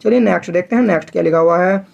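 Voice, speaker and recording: Patient man teaching shorthand, high voice. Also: racing, gravelly, a little mellow, dull audio. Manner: patient, repetitive, keeps addressing viewers as friends. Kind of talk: step-by-step tutorial explanation.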